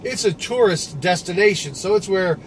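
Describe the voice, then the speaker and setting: Driving and talking to his live-stream audience, this Michigan host has a fairly high, animated voice and keeps a moderate pace. His talk is rambling and conversational, full of fillers and restarted sentences. Road and car noise come through clearly on the noisy recording.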